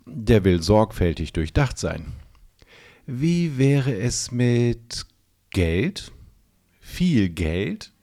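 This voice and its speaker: A wary, sarcastic grown man from a storybook, read by a male narrator. The voice sits low and unhurried, with a dry, doubting edge. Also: sing-song, a little mellow, heavily acted. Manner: distrustful, dry. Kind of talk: audiobook role reading.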